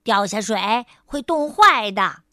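A woman's voice: medium pitch, lively intonation, takes it slowly, sharp tone, no echo, studio quality. A woman voicing a protective big-brother frog in a children's storybook, calling out warnings. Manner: warning, croaky calls.

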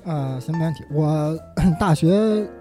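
A man's voice: on the high side, takes it slowly. A man with a Beijing accent, casually telling stories in colloquial speech as an interview guest. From Beijing, China. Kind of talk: casual conversational storytelling. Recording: faint music behind. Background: faint music.

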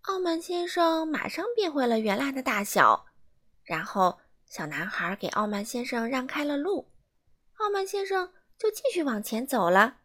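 A woman reading a children's storybook aloud in an animated way, asking the listeners questions. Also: sits high, normal speed.

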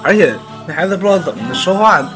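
A man's voice: high-pitched, lively intonation, fast talker. Guy laughing thru a school story, bouncy voice, music in the back. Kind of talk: casual chat. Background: background music.

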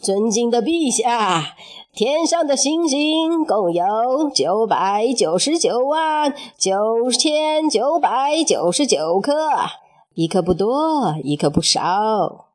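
A woman voicing the clever folk hero Afanti in a storybook tale, polite, sly and calm. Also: a little high, slow.

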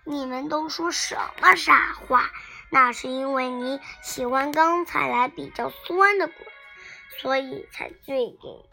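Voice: high voice, gravelly, sharp tone, heavily acted. A child voicing a kind, patient father dinosaur who explains things fondly in a storybook. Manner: fond, explaining.

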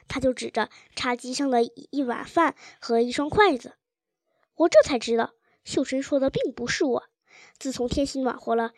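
A woman reading a childhood story aloud in a gentle, even storytelling manner. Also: sits high, dry recording. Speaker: audiobook narrator.

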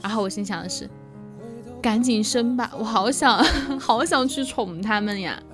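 A young woman co-hosting a casual chat stream, telling stories in a giggly, animated way with many restarts. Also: fairly high pitch, moderate pace. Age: young adult. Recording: music playing in the background.

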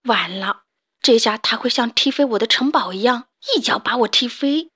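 A woman storyteller reading a children's story aloud in a gentle, expressive, slow and clear manner. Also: on the high side.

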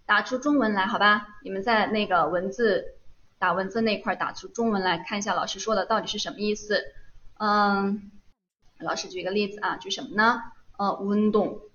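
A woman's voice: mid-range voice, brisk, a bit bright, highs cut off. A woman teaching Korean in an online lesson, patiently asking questions and answering them herself. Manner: patient, asks and answers her own questions.

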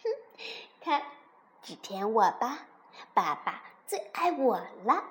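Woman reader as boastful baby dinosaur: small, smug, drawn-out bragging, high-pitched. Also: very animated, fairly bright tone, exaggerated voice. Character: boastful, smug little male baby ankylosaur.

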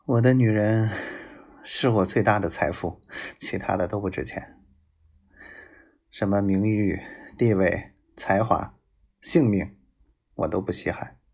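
A low, gravelly male voice speaks slowly, as if confessing love to his woman. He is possessive and domineering, with an intense, intimate delivery that sometimes sinks toward a breathy whisper. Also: darkish tone. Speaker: narrator of love monologues addressed to his wife. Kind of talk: intimate romantic monologue.

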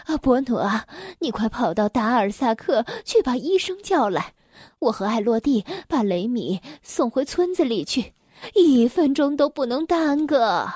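A woman's voice: fairly high pitch, expressive, measured pace, darkish tone, husky, no echo, clean studio sound. A woman voicing an old grandmother, out of breath and giving urgent orders.

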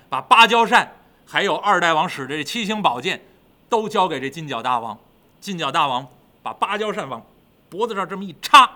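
A man telling a classic tale in a lively, dramatic traditional storytelling style. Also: on the high side.

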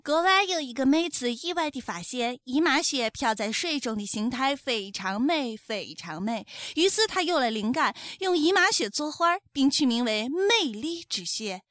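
高音明亮的女搭档主持. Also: female voice, high-pitched, animated, moderate pace, few pauses, fairly bright tone, no echo, studio quality. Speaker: radio co-host. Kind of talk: scripted comic narration.

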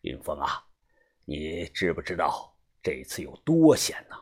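A man voicing an older, cautious gang boss in an audiobook, speaking low and often in a hushed whisper. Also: very animated, a little slow, slightly rough, full character voice. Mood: scolding. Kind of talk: audiobook character voice.

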